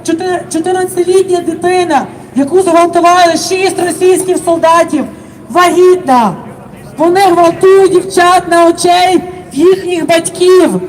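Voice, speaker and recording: A woman from Ukraine with a Ukrainian accent, giving an impassioned shouted speech at an outdoor street protest. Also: very high-pitched, rough recording. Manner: impassioned, shouting slogans and appeals. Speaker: protest speaker. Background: faint crowd.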